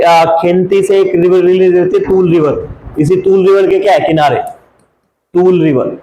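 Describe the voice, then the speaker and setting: A man's voice: sits high, darkish tone, roomy sound, rough recording. A man teaching geography from a map, asking rhetorical questions, drawling and repeating place names, and mixing in English phrases. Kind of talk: map lesson for exam students.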